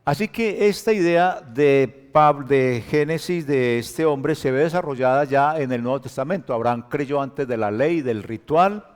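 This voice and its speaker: A man's voice: mid-range voice, unhurried, hardly any pauses, clear, resonant tone. Preaching man in a reverberant church hall. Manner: preaching with joking asides to the congregation; swings between loud emphatic lines and soft quiet ones. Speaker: pastor. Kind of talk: Sunday school sermon.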